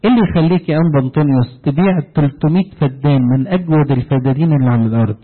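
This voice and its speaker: A man with an Egyptian Arabic accent delivers a sermon and tells the story lively, pausing on questions for the listeners to complete. His voice sits a little high for a man. The recording is narrow and tinny, like a phone line. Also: husky. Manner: asks the congregation fill-in questions ending in "what?"; animated storytelling, retelling dialogue. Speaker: preacher.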